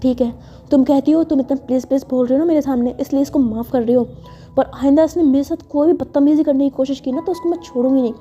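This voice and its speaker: A woman voicing an angry, proud young college woman who scolds in sharp outbursts. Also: high-pitched, steady tone, fast, lightly acted. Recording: dull lo-fi with faint music.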